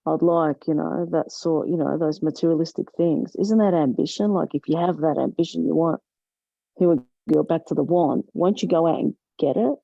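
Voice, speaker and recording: Deep gravelly woman asking pointed questions. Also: moderate pace, mellow, no room sound, dull audio. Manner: questioning, challenging. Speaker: support group member. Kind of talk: casual group chat.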